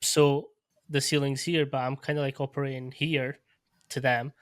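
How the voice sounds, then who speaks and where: Flat-voiced male podcast host from Portugal. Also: medium pitch, no echo, studio quality. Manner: measured, reflective, restarts his phrases. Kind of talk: casual interview conversation. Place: podcast studio.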